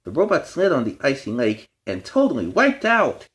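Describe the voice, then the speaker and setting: A man's voice: medium pitch, wildly swooping pitch, moderate pace, a bit bright. A man playing a friendly young superhero who hosts a children's storytime, reading animatedly and explaining things in kid-friendly asides. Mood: earnest, animated. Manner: kid-friendly, explains words and gives advice.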